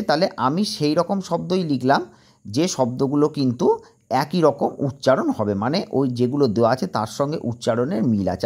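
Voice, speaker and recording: Husky man patiently teaching young kids. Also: a little high, darkish tone. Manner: patient, spells words letter by letter and translates them. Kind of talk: explaining an exam paper to young children.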